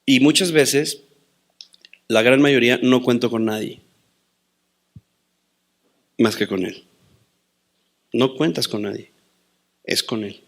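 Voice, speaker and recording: Male pastor, mid-range, gravelly texture; dramatic sermon delivery with sharp shifts between booming and hushed. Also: slow pace, pauses often. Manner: dramatic preaching, swinging between loud declarations and hushed asides; quotes scripture and tells personal stories.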